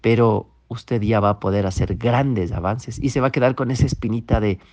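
Guy coaching public speaking, earnest, keeps asking "right?", mid-pitched voice. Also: normal speed, a little mellow. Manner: earnest, repetitive, addresses listener directly with "¿sí?". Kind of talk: instructional talk. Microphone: microphone.

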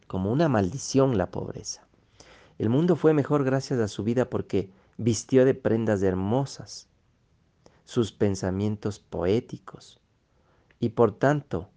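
A man's voice: fairly low pitch, mellow. A man giving a motivational lecture, emphatic, repeating key phrases and checking in with his listeners. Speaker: motivational speaker.

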